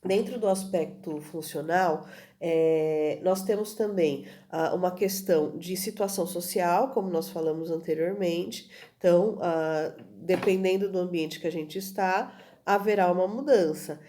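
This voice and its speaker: A woman's voice: lowish voice, measured pace, warm tone. A woman teacher giving a recorded video lesson, explaining at an easy pace and often checking in with her students. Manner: many fillers and restarts, checks in with "tudo bem?".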